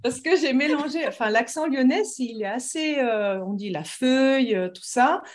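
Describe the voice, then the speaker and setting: A woman's voice: sits high, animated, normal speed. Hesitant French woman love coach. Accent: neutral French. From France, Lyon. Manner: hesitant, many fillers, reflective. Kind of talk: casual interview chat.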